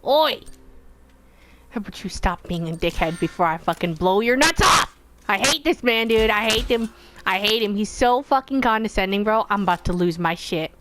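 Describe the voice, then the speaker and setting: A young woman casually commentates her let's play gameplay, exasperated and dramatic, with profane outbursts and free swearing. Her medium-pitched voice is expressive, fairly bright and a little fast.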